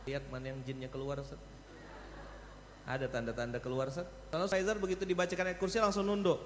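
A middle-aged man with a Pontianak Malay accent giving a humorous sermon with animated storytelling and playful crowd work. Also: a little high, quick pace. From Pontianak, West Kalimantan. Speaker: preacher. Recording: echoey hall with faint noise.

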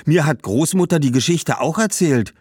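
A man doing an excitable young boy. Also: on the high side, normal speed, slightly rough, no echo, studio quality, voice pushed up. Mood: curious. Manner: excited, exclaiming. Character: excitable young Carthaginian boy, quick to judge. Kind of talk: storybook character voice.

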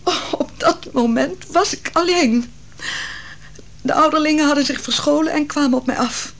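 In a Dutch radio play, a woman plays Susanna, the anguished, virtuous wife of a royal counsellor, recounting her story in a solemn, dramatic, distressed way. Her voice is high and fairly bright, at a moderate pace.

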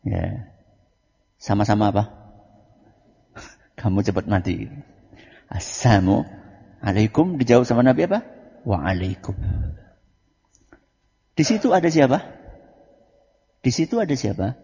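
Male preacher, animated and questioning, raised husky tone, dull lo-fi sound. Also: fairly low pitch, measured pace, pauses often. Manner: animated, asks the audience questions and answers himself. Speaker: Islamic preacher. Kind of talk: lively sermon. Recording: lo-fi recording in a large echoing hall.

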